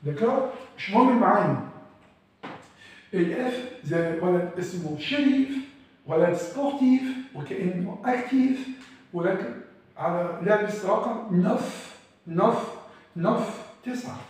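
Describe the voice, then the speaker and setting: A man with an Egyptian Arabic accent teaches a French lesson. He repeats each word slowly and keeps quizzing the class with questions. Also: high-pitched, expressive, a little mellow, recorded from a distance. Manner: drills words by repeating them slowly. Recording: echoey room, voice from afar.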